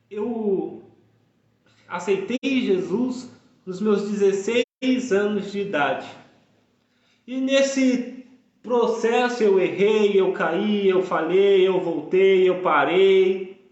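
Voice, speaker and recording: A man's voice: high voice, drawn-out words, pauses often, darkish tone. A man in his thirties preaching a fervent sermon, repeating phrases for emphasis. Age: 30s. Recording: echoey room, dull lo-fi sound.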